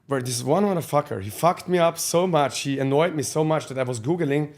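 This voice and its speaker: An Austrian fight coach in his thirties, appearing as a podcast guest, tells his life story candidly in blunt, profane English with loose grammar. His voice is a little high and darkish, and he talks fairly quickly.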